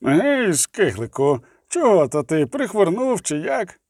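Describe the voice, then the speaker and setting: A coarse, rowdy mercenary jeers in a loud, high, lively voice, as a male narrator puts him on. The sound is close and dry. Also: slow pace, no room sound, exaggerated voice. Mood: jeering. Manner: rowdy, jeering.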